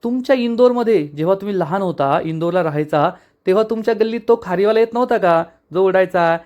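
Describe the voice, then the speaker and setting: A man voicing a chatty, cheeky young wife who teases and argues in rapid, mock-indignant bursts. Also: medium pitch, a little mellow, dull audio, natural voice. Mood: chattering, teasing.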